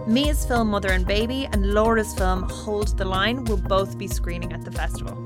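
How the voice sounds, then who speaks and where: A woman's voice: mid-range voice, moderate pace, music in the background. A woman with an Irish accent hosting a podcast interview, engaged and appreciative as she puts questions to her guest.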